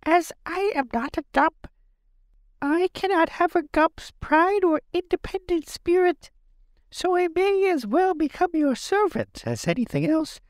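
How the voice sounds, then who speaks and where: Squeaky big winged creature, stiff and wordy, swoops all over, dead dry sound. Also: male voice, lively intonation, unhurried, no room sound. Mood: resigned. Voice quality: squeaky, high. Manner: formal, wordy, mournful. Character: squeaky-voiced huge winged male creature, pompous.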